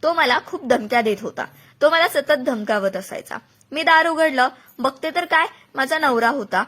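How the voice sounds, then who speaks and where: A woman's voice: high-pitched, pushed and bright. A woman narrating a dramatic first-person story, reporting what each person said as she goes. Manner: recounts events, voicing others' words within her telling.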